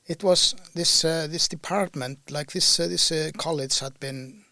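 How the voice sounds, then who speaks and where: Speaking unhurriedly in a slightly high, steady voice that sounds pushed and bright, an older Icelandic-accented man guests on a podcast as an ecologist. The studio-quality recording has no room sound. He muses on his career in a relaxed, thoughtful way, often pausing with fillers and starting over.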